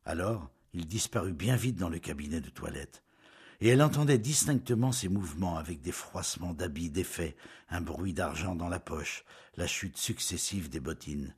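A man reading a novel aloud in scripted narration, measured and intimate, often dropping to a hush. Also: deep voice, animated, slightly rough.

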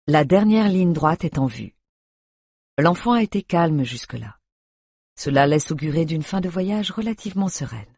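A narrator reading a novel aloud in a calm, measured way, with a husky voice. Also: medium pitch, dry recording, clean studio sound. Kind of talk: audiobook narration.

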